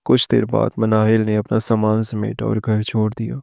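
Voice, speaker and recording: A man narrating a first-person moral story with a steady, even reading. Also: fairly low pitch, creaky, no echo, studio quality.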